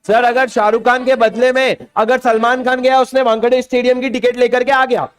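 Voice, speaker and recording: A man with a high, smooth voice and an Indian English accent runs an exam revision lecture. He keeps coaxing his class, asking questions again and again and pushing them to answer. His voice sounds clean and resonant. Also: flat delivery, brisk. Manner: coaxing, repeats questions to students. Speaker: teacher.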